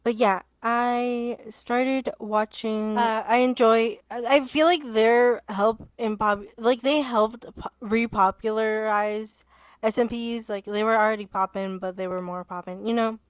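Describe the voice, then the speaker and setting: A woman's voice: a little high, fairly even intonation, unhurried, smooth, no echo. A young adult woman vlogging in a rambling casual chat, interrupting herself and swearing, as she starts to lose her voice. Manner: rambling, self-interrupting, swears and laughs often.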